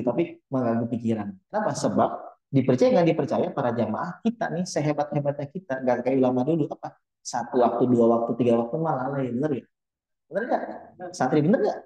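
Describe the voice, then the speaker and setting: Man teaching in a roomy hall. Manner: keeps quizzing the audience with quick questions; jokey, animated, with sudden high bursts. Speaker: Islamic teacher leading a study gathering. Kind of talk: casual religious study talk. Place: Islamic boarding school gathering hall. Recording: roomy, slightly dull sound.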